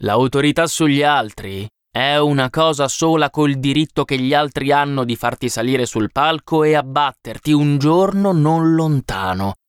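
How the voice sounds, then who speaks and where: A man voicing a learned bespectacled townsman who explains things slowly and insistently. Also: fairly high pitch, animated, clean tone, dry recording, clean studio sound, pitched above the performer's own voice, lightly acted. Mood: explaining.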